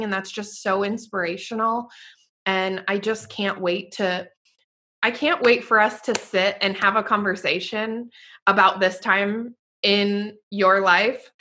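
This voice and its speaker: A woman hosts a heartfelt, casual podcast chat, earnest and effusive in tone. Her voice is bright and forward, with middling pitch. She keeps dropping "like" and the occasional swear word. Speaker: podcast host and fitness business owner.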